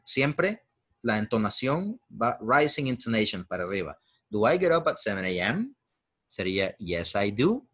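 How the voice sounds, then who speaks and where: A man teaches English grammar in an encouraging, chatty way, switching between Spanish and English. Spanish is his first language. His pitch swings widely around a middle register as he drills example sentences. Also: fairly bright tone. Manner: chatty, encouraging YouTube host. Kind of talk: lesson.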